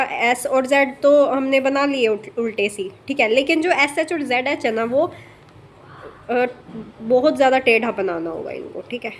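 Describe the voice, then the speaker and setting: A woman with a slightly high voice teaches shorthand in a casual spoken lesson, with slight background noise. She explains slowly, uses plenty of fillers, checks in often, and gets softer while she writes.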